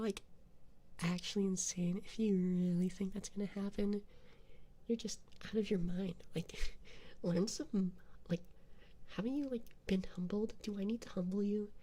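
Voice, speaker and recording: A man voicing a bratty, sassy young Valley Girl gyaru in whispered role-play, taunting with lots of drawn-out "like". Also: high voice, gravelly, mellow, heavily acted.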